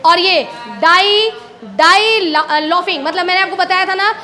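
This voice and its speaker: A woman's voice: extremely high pitch, measured pace. A woman teacher with an Indian accent giving a playful classroom lesson, acting out different kinds of laughter. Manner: lively, playful, acts out laughs.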